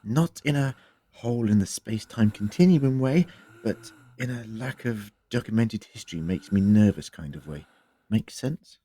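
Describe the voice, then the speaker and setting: A man playing a grave, cautious time-travelling doctor in an audio drama, explaining in an earnest, measured way. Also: lowish voice, expressive, mellow. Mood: uneasy.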